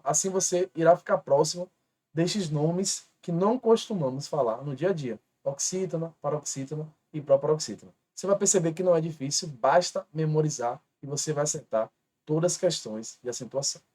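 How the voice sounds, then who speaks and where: A man from Brazil teaching an exam-prep grammar lesson, explaining step by step and repeating each example word slowly while he writes on a board. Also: a little high, a little mellow.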